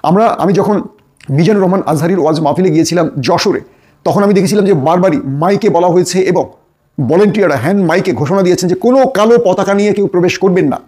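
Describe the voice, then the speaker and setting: A man's voice: high voice, fast, warm tone, husky. A man giving urgent online commentary, warning his viewers and urging them to act. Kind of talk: solo video commentary.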